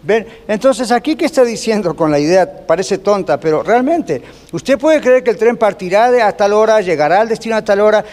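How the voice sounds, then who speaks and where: A man's voice: sits high, lively intonation, brisk, few pauses, darkish tone. A middle-aged man preaching a sermon as a pastor, telling an everyday story and slipping in English phrases. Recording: long reverb from a hall.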